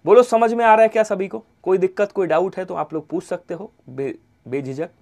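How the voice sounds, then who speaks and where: A man teaching an online Hindi exam-prep class, who answers his own questions in the voice of his students and lets the ends of his sentences fall quiet. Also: high-pitched, steady tone, brisk, vocal fry. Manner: repeats answers in imagined student replies, drops to quiet trailing endings.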